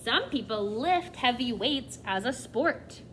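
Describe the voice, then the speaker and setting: Reading nonfiction aloud to a group of children, a female teacher speaks slowly with a slightly high, fairly bright voice and lively intonation. She is expressive and frequently addresses the children directly with questions and side comments, over a faint hiss or hum.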